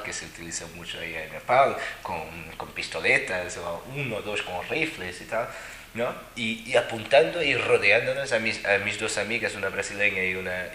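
A man telling personal stories to an audience in an animated, emphatic way, often repeating words for stress. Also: sits low, echoey room, slight background noise.

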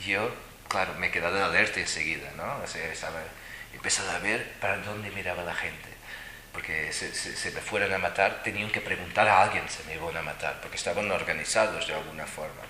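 A man telling personal stories to an audience in an animated, emphatic way, often repeating words for stress. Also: sits low, fairly quick, reverberant, slight background noise.

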